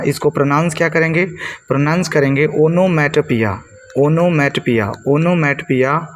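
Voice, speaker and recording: A man's voice: on the high side, a little hiss or hum. A man teaching poetic devices, asking and answering his own questions and repeating key words for his students. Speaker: English teacher. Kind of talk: blackboard lesson explaining poetic devices.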